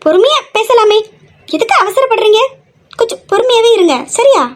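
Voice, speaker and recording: A jittery young wife, voiced by a woman in an audio drama, talking in a very high pitch. She stalls and rambles nervously to avoid an awkward talk. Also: lively intonation, brisk. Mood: stalling. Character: flustered young wife, shy and evasive.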